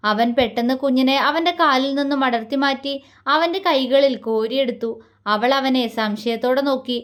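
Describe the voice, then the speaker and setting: A woman storyteller reading a family romance story aloud in steady, plain narration. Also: high-pitched.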